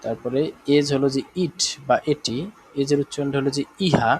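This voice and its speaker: A man's voice: medium pitch, steady tone, noisy background. Bangladeshi man teaching a live class. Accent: Bangladeshi Bengali. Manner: explains slowly, repeats and checks understanding. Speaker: German language teacher.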